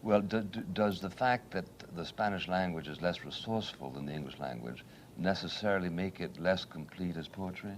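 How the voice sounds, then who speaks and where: A male interviewer with a very low voice asks short, plain questions. He puts in quiet murmurs of agreement between them. A faint hiss sits behind him. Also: normal speed, hardly any pauses. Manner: brief questions and quiet assents.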